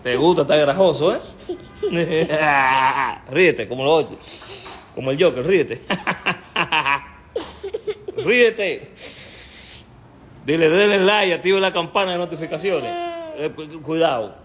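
A Dominican man banters on a live stream, his voice sitting fairly high and often climbing into squealing baby talk as he teases his son. He laughs easily. A faint hiss runs under the recording. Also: moderate pace. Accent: Dominican Spanish. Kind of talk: playful live-stream chat.

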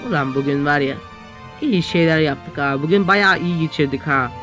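A man's voice: on the high side, moderate pace, fairly bright tone, soft background music. A man making a homemade puppet show on his own, talking in casual, slangy banter. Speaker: solo creator of a homemade puppet series.

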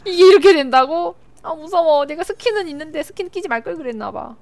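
A young woman streaming a game live, chatting with viewers and her team in an excitable, talkative way. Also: high voice, a little fast.

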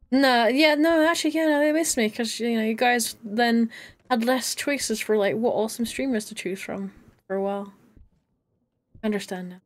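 Giggly woman streamer, bright voice. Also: a little high. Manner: giggly, chatty, often laughing. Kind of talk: casual live-stream chat while gaming.

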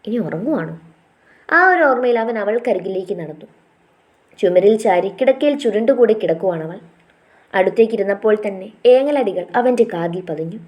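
A woman narrating an audio romance story in a calm, even storytelling manner. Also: medium pitch, normal speed.

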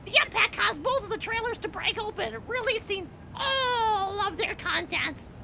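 A performer playing an excitable male field reporter in a cartoon news parody, exclaiming in a creaky, drawn-out way. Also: very high-pitched, slight background noise, full character voice. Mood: excited reporting.

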